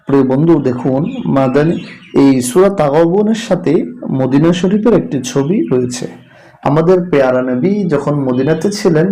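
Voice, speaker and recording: A man teaching Quran reading, spelling out each syllable slowly and then reciting the verse in long drawn-out tones. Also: a little high, warm tone, poor audio.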